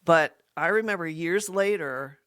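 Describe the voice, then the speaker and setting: A woman on her podcast spins a comic personal anecdote, voicing the people in it and breaking into laughter often. Her voice is on the low side and she's unhurried, yet animated throughout.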